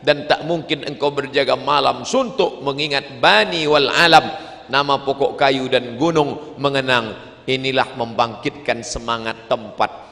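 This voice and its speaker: A middle-aged man preaching a humorous sermon with animated storytelling, breaking into sung verses. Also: mid-range voice, unhurried, creaky. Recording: long hall reverb.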